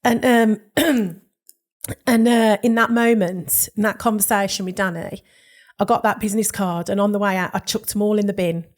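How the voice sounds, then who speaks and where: Podcast guest, woman, Brummie accent, animated storyteller, mid-range voice. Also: mid-range voice, normal speed. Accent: Birmingham. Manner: lively storytelling, acting out quoted dialogue. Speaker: guest, brand and vision specialist. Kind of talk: podcast interview.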